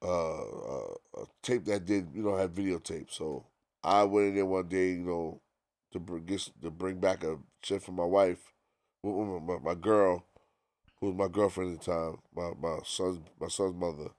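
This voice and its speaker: Give me a middle-aged man, low voice, telling lively street stories. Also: normal speed, dry recording. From New York. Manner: animated, profane, full of quoted dialogue. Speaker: guest DJ. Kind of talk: casual storytelling.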